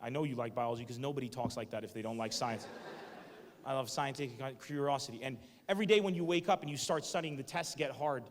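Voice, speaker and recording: This man speaks at a medium pitch and a quick pace. He's a stand-up comedian invited as a guest speaker, delivering a motivational talk to a student audience in a university hall while cracking jokes and quizzing listeners directly. The recording carries the echoey sound of a lecture hall.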